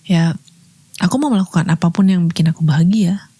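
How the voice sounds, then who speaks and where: A woman voicing a bold, headstrong young woman aviator who talks briskly in a storybook podcast. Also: fairly low pitch, steady tone, warm tone, breathy edge, no echo. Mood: defiant.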